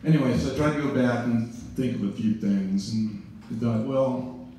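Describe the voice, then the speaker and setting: A middle-aged man gives an informal memorial speech, wandering through his thoughts with constant fillers and dry little jokes. His voice is dark and mellow, and it is picked up from a distance in a very echoey room with faint ambient noise behind it. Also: medium pitch, moderate pace. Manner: rambling, full of "you know", wry jokes. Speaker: eulogy speaker. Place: large event room.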